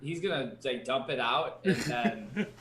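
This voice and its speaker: A man's voice: mid-range voice, animated, measured pace, a bit bright. A man playing his character in a tabletop game, talking in a casual, hesitant way. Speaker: player. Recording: echoey room with faint noise.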